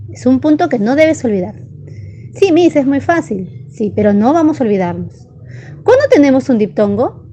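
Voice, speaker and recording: High-pitched lady teacher explaining slowly, spelling out syllables. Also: dark tone, slight background noise. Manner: patient, slows to sound out syllables. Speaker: primary school teacher. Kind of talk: online grammar lesson.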